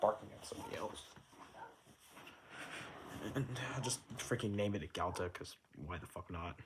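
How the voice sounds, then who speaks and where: A man's voice: lowish voice, moderate pace, noisy background. A young man casually explaining how to play a rhythm game chart, counting out note timings aloud and swearing in passing as he restarts his sentences. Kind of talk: casual tutorial commentary. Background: rhythm game music.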